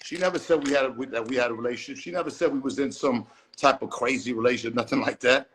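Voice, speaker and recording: A man's voice: mid-range voice, quick pace, fairly bright tone, breathy edge. A man being interviewed in a casual live video call, speaking emphatically and profanely, often repeating and restarting phrases. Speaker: interview guest.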